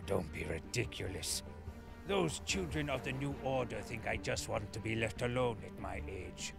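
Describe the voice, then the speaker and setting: An elderly inventor villain for a video game. He is condescending and civilized, with theatrical menace. His creaky voice moves through lively swings of pitch over a musical backdrop. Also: moderate pace, over music. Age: older.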